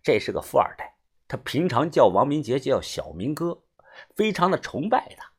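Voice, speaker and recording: A man's voice: medium pitch, big pitch swings, moderate pace, breathy edge. A man narrating a novel in the first person, telling the story expressively. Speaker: audiobook narrator.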